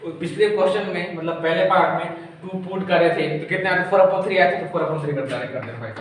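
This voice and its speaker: A man's voice: high voice, fast, far from the mic. Man tutoring in a very echoey room. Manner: chatty, asks and answers his own questions; calls the viewer brother, very familiar. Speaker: physics tutor. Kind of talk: informal exam-prep lesson. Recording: echoey room, faint room noise.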